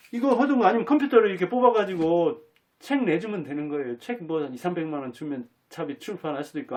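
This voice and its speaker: Man, 50s-60s, channel host; earnest and folksy solo talk, voice sits a bit high. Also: a little mellow. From Jinan, North Jeolla, Korea. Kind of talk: solo reflective monologue.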